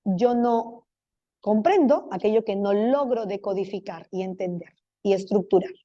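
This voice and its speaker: A woman's voice: mid-range voice, a little slow, warm tone, lo-fi sound. A woman giving a conference lecture to teachers. She keeps putting rhetorical questions to the audience and walks them through each step. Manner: talks teachers through steps. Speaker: lecturer on learning difficulties.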